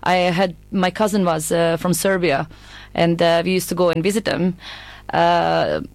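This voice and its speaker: A woman's voice: lowish voice, fairly even intonation, darkish tone, no echo. Casting: woman, radio guest, hesitant, dry studio. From Bosnia. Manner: halting, laughs often, many fillers. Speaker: music venue owner, guest. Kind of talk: radio interview.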